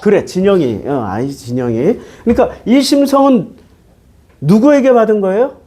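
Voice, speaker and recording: A pastor preaches a Bible-teaching sermon in a casual, conversational way, shifting between polite and casual speech and asking his listeners question after question. His high voice is animated and mellow, at normal speed.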